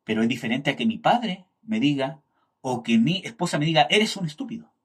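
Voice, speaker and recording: A man teaches a Bible class in a husky, slightly breathy voice. His pitch sits in an ordinary middle range. He keeps checking in with his listeners and stops aloud to search for the right word. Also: lively intonation, a little fast.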